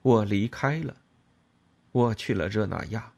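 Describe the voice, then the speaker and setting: A man narrating a novel aloud in an expressive, dramatic reading. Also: fairly low pitch, a little slow, gravelly. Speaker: audiobook reader.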